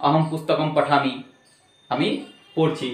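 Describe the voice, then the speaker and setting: A man's voice: on the high side, little pitch movement, unhurried, echoey room, low-quality recording. A man teaching an online grammar lesson, explaining patiently step by step and checking in with repeated questions.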